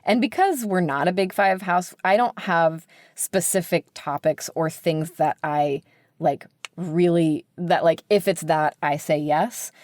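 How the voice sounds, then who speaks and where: Here an American woman, a book editor interviewed on a podcast, answers with candor and emphasis while leaning heavily on "like". Her voice sits on the low side with a darkish tone, unhurried, and there's no room sound.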